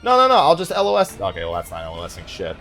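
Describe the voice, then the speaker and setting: A man with a fairly low, fairly bright voice talks fast, his pitch swooping wildly, as he streams a casual let's play. He mostly mutters to himself while playing, with game music in the background.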